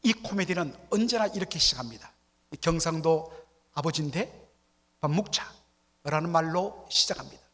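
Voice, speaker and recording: A man's voice: on the high side, expressive, normal speed, fairly bright tone. A man preaching a Sunday sermon as pastor, often asking the congregation questions and acting out dialect jokes. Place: church sanctuary. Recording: long church hall reverb.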